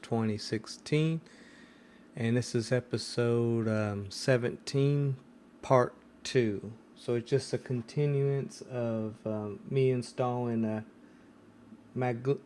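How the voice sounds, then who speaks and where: A man's voice: mid-range voice, darkish tone, a little hiss or hum. A man hosting a casual screen-recorded tech tutorial, hesitant and full of ums and restarts. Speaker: tech video host.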